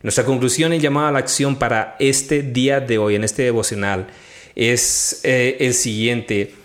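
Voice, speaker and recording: A man, hosting a devotional podcast and telling a personal faith story in a lively conversational way. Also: medium pitch, measured pace. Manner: animated storytelling, quotes his own prayers. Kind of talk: conversational testimony.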